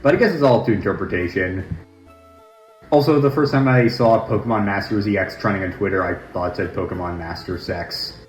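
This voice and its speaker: A man's voice: fairly low pitch, a little fast, soft background music. A man giving casual, joking gameplay commentary as a let's play host, recorded in a large, echoey room at home. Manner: joking, chatty asides.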